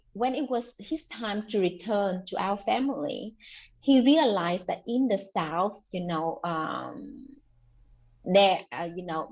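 A woman's voice: medium pitch, darkish tone. A woman from Vietnam, telling her story as an author guest in an earnest interview, leaning often on "you know". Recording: dull lo-fi audio.

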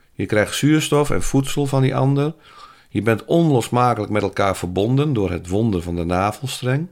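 A man presenting a reflective spoken essay who speaks calmly and directly to his listeners and tells short stories. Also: on the low side. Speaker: radio presenter.

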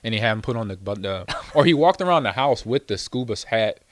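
Guy hosting his show, low voice, rambly storytelling w lots of uh and um, dry sound. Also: animated, fast talker, no echo. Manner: rambling storytelling with frequent fillers and laughs. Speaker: show host, former football player. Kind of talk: casual chat.

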